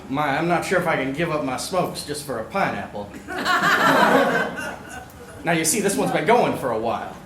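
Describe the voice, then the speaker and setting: A man's voice: a little high, lively intonation, normal speed, pauses often, pitched below the performer's own voice, close to an everyday voice. A man playing a gallant film noir detective with old-fashioned patter in an improvised stage comedy scene. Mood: hammy, gallant. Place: indoor live improv show, far mic. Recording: distant echoey room, loud noise.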